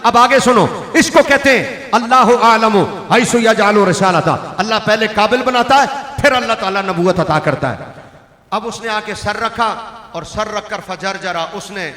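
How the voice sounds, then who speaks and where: A man preaching a sermon to a gathering, swinging from soft talk to loud, dramatic shouting. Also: high-pitched, moderate pace. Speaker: religious preacher. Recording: echoey hall with long reverb.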